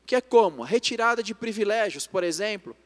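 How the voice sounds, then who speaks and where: A man's voice: sits high, animated, fairly quick. A young man preaching in Brazilian Portuguese, telling family stories to the congregation. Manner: storytelling, addresses congregation as brothers. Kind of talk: sermon. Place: church. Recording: long church reverb.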